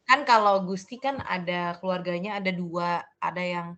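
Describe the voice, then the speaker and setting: A woman's voice: fairly low pitch, normal speed, dull audio, crowd noise. A young woman in a casual group chat with classmates, friendly and a little hesitant. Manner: friendly, hesitant, laughs often. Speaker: student in group discussion.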